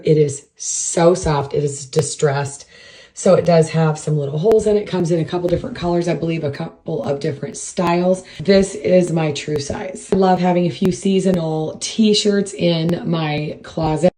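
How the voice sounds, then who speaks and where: A woman's voice: low-pitched, normal speed, music in the background, poor audio. A woman blogger chatting casually about her clothes, describing fabric and fit. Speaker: fashion and home blogger. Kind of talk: casual clothing try-on narration.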